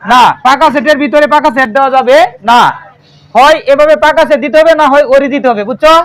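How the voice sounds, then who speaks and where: A man's voice: very high voice, fast talker, fairly bright tone. A male math teacher with a Bangladeshi Bengali accent, giving a classroom lesson and quizzing his pupils, repeating their answers back.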